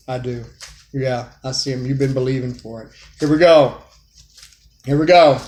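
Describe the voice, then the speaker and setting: A man giving a casual tarot reading, talking straight to the viewer in a folksy way and repeating his phrases. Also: a little high. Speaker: tarot reader. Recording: echoey room.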